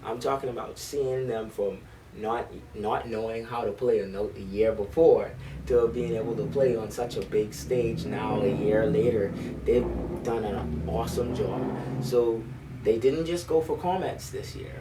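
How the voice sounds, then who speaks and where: A school band director tells stories eagerly in a conversational interview in a library, full of ums and restarts. He speaks unhurriedly in a fairly low, fairly even voice, picked up by a distant mic with background noise.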